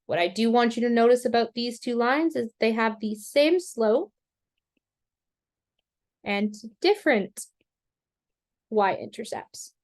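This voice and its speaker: Woman math teacher, somewhat high voice, slow patient step-by-step explainer, has the hiccups. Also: darkish tone. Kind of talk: recorded screen-share math lesson.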